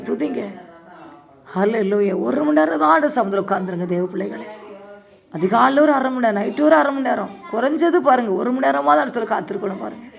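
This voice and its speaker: Woman preacher, higher voice, fervent prayer sermon, loud exhortations dropping to quiet hallelujahs. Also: vocal fry. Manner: fervent, rising and falling with repeated hallelujahs.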